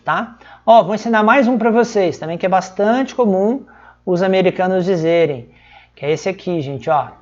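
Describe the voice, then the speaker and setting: A woman's voice: mid-range voice, a little mellow. A woman with a Brazilian accent giving a casual English lesson, chatty and full of little check-in words. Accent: Brazilian Portuguese. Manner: chatty, fills lines with "tá?" and "ó". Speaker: English teacher. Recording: slightly dull lo-fi sound.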